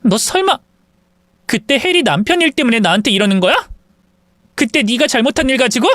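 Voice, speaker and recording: A woman's voice: a little high, lively intonation, a little fast, dry recording, clean studio sound. A woman voicing a betrayed young woman who bluntly and angrily insults her former friend over the phone in a drama story. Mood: suspicious. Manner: sharp, accusing, harsh insults. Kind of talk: acted phone quarrel in a story video.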